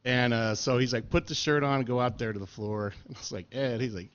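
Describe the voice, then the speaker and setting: A man's voice: medium pitch, steady tone, a little fast, lo-fi sound. Laid-back, profane man on a podcast. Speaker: podcast interviewee. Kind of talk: casual storytelling chat.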